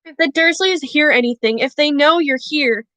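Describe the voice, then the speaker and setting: A woman voicing a nervous, polite teenage boy wizard who speaks in hushed, anxious tones. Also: high voice, moderate pace, no room sound, pitched above the performer's own voice.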